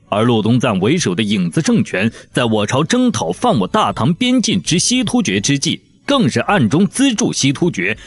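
A man's voice: mid-range voice, slightly rough. A man as a composed, eloquent prince envoy. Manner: forceful, measured formal speech.

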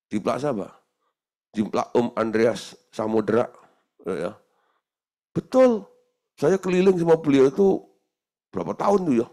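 Seorang pendeta pria berkhotbah dengan semangat, bergantian antara seruan keras yang tegas dan ucapan pelan. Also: male voice, mid-range voice, measured pace, pauses often. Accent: Indonesian. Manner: lively preaching, swings from loud emphatic peaks to soft asides. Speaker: pastor. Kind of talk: sermon.

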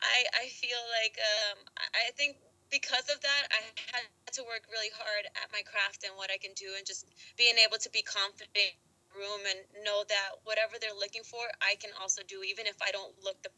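A woman's voice: medium pitch, little pitch movement, brisk, pushed and bright, poor audio. A young adult woman, an actress, answering interview questions in a rambling, casual way, with many restarts and frequent laughs.

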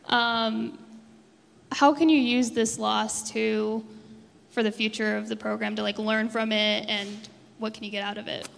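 Flat, gravelly woman reporter. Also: fairly high pitch, measured pace, big-room sound. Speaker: reporter asking questions. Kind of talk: press conference questions. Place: press conference room.

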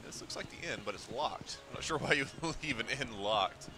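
A man's voice: mid-range voice, lively intonation, moderate pace, background noise. A man giving casual, jokey let's-play commentary while playing a video game. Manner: jokey, mock-dramatic. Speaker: gameplay commentator.

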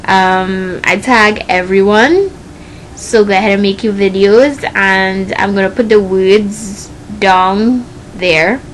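A woman's voice: mid-range voice, slow, low-quality recording. A young woman from Trinidad with a Trinidadian Caribbean accent, talking casually to her webcam in a bedroom. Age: young adult. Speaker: video blogger. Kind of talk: casual chat to camera, reading a word list. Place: small bedroom indoors. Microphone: webcam or laptop mic at close range. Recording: noticeable room noise, webcam sound.

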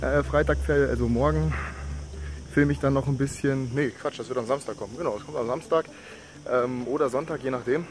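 With a slight cold, a young vlogger talks casually and cheerfully to the camera, full of slang, filming at arm's length on a phone or camera on residential streets and in his living room. His voice is medium in pitch and fairly quick. A little hiss or hum runs under the audio.

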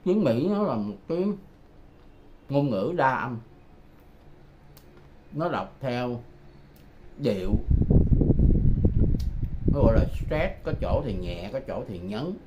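A man's voice: medium pitch, big pitch swings, slow pace, pauses often, darkish tone. An older man gives a home-made language lesson, patiently repeating phrases to drill pronunciation. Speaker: language teacher. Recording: muffled home recording with background noise.

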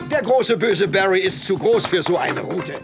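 A man's voice: high voice, expressive, normal speed, over music. A man voicing a stern, commanding elf sea captain with an authoritative, clipped way of giving orders in a cartoon. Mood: commanding, matter-of-fact. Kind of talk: German cartoon dub acting.

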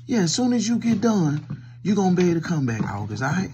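Talking fast, this comedy vlogger's voice sits high with big pitch swings and a dark tone. He's a middle-aged man with a cold, congested and coughing, loosely teasing an imaginary caller from a small room. His phone is held close and picks up a little hiss or hum.

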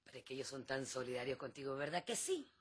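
A sarcastic, lively wife. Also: female voice, a bass voice, fast talker. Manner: sarcastic, sharp-tongued. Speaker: soap opera character. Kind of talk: telenovela comedy acting.

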